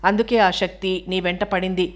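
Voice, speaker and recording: A woman's voice: medium pitch, fairly even intonation, moderate pace, natural voice. A woman voicing a sulky, jealous young girl in an audiobook reading of a novel.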